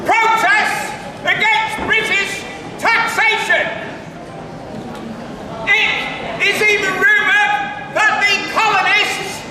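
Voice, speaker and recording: Shouting town crier, very high-pitched, echoing man. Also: little pitch movement. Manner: loud declamatory shouting in short, drawn-out phrases. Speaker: town crier competition contestant. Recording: echoey hall from far off, noisy.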